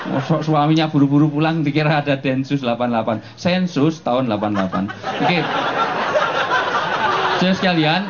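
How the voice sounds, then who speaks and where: Preacher, male, slightly high voice, dull noisy live recording, jokey storyteller. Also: brisk, pauses often. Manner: joking, animated storytelling with frequent chuckles. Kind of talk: humorous sermon.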